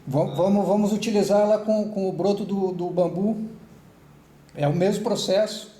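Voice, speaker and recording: Man with a dark voice running a video meeting. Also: sits high, fairly even intonation, normal speed, echoey room, slight background noise. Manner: hesitant, many restarts and tag questions. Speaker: meeting coordinator. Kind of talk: online meeting chat.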